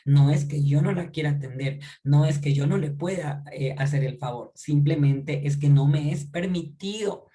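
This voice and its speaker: A woman's voice: sits low, moderate pace, hardly any pauses, warm tone. A woman giving an informal Bible teaching. She talks conversationally, often checks in with her listeners and repeats or restarts phrases as she explains.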